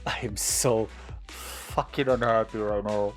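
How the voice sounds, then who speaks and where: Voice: medium pitch, fairly even intonation, measured pace, soft background music. A livestreamer talking at home on a desk mic, swearing often and venting frustration in casual gaming-stream commentary. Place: indoors at home.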